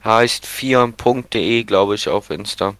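A young man co-hosts a casual podcast at an unhurried pace. His voice is smooth and recorded very dry, and he talks in a teasing, slangy, blunt manner. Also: fairly low pitch, a bit bright, no echo. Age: young adult. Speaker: podcast co-host. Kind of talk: casual chat.

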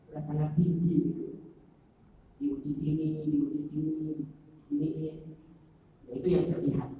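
Woman preacher, animated, acts out scenes; distant mic, big reverb, noisy room. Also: low-pitched. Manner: animated, acts out dialogue with shifting voices. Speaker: religious speaker. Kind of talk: religious lecture to women. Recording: echoey hall from far off, noisy.

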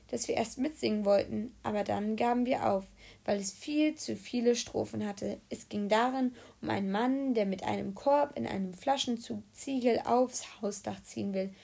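A woman narrating a children's audiobook in a lively, humorous read-aloud manner. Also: on the high side, vocal fry, husky.

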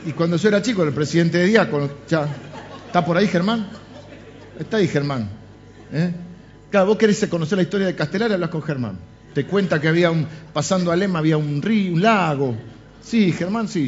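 In a church, a man with a Rioplatense Spanish accent and a voice on the high side preaches through animated, humorous anecdotes, adding jokes and asides. The audio is dull and lo-fi, with faint music.

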